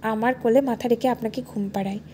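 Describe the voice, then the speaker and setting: A sweet, naive young wife with a playful, coaxing manner, as a woman narrator puts her on. Her voice sits a little high and sounds innocent. She comes across as a storybook character in a romantic audio story. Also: steady tone, fast talker, mellow, slight background noise, close to an everyday voice. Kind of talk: storybook dialogue.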